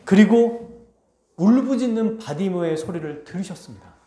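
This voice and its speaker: A man, a pastor, giving an animated expository sermon and acting out the scenes he describes. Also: high voice, moderate pace, roomy sound. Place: church sanctuary.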